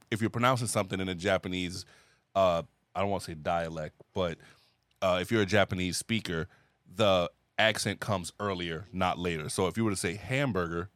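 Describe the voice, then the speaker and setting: A man with a lowish voice hosts a podcast in relaxed, talkative chat, quick to laugh. His voice is recorded close and dry, with no room sound. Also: clear, resonant tone, no echo. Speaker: podcast host.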